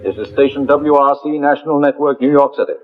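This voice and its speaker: An actor playing a brisk male network radio announcer, heard over an AM radio set with crisp, formal 1940s delivery. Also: on the high side, faint music behind. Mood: announcing. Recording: tinny old film radio broadcast.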